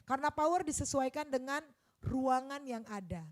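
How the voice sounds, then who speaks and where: A woman lecturing a university auditorium on public speaking, demonstrating voices and shifting loudness for emphasis into a handheld mic. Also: sits high, normal speed. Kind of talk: lively classroom lecture. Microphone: handheld microphone.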